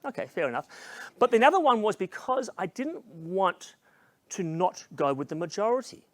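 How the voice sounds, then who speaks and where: A man's voice: high voice, sing-song, moderate pace, no room sound. Passionate man giving a keynote. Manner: passionate storytelling, dropping to a hushed voice for emotional moments. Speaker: keynote speaker. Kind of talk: motivational keynote talk.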